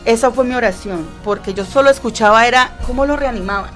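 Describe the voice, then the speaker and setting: A woman tells an emotional testimony in a fairly high voice. She talks earnestly and leans on repeated phrases. Soft music plays faintly behind her. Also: fast. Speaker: guest sharing her testimony.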